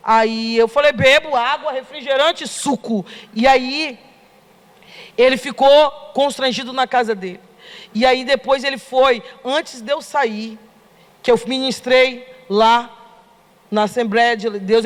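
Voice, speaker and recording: A middle-aged Brazilian woman giving a lively testimony to a congregation, acting out the dialogue as she tells the story. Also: on the high side. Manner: animated storytelling, acts out dialogue. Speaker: church member giving testimony. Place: church hall. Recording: long reverb of a church hall.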